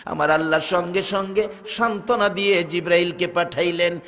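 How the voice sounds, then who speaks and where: High bright-voiced preacher chanting. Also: male voice, fairly even intonation, moderate pace. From Bangladesh. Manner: emotional, sing-song chanting that swells into loud cries. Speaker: Islamic preacher. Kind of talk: waz sermon. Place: religious gathering.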